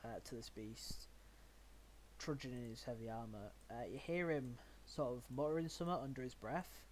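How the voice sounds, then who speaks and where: Rambling young game master. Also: male voice, mid-range voice, moderate pace, slight background noise. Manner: rambling, filler-heavy, laughs at his own narration. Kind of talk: narrating a tabletop game.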